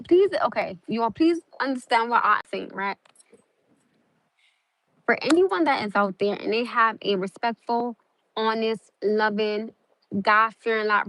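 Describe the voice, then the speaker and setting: Talking to her viewers on a phone livestream, this South Norwalk, Connecticut host is young, earnest, and rambling, repeating herself and filling her speech with "like." Her voice is fairly high and a bit bright. There's no room sound, though the recording quality is low.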